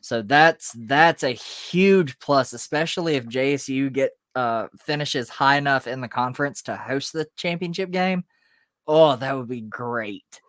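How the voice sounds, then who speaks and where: A man's voice: mid-range voice, unhurried, fairly bright tone, no echo, clean studio sound. A man co-hosting a casual sports podcast, explaining news step by step with frequent ums. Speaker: podcast co-host.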